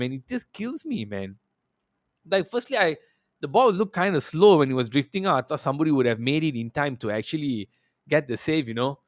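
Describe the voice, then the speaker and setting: A football fan reacts to a match in a casual, animated way, telling it emphatically and conversationally. His voice is mid-range, and the recording is clean studio sound with no room noise.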